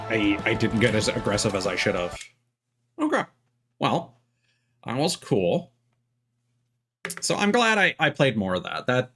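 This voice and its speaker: Narrating his gameplay on a livestream, a man rambles, gets sidetracked easily and swears casually. His voice is lowish with a fairly bright tone, and the recording has a little hiss or hum plus video game music in the background.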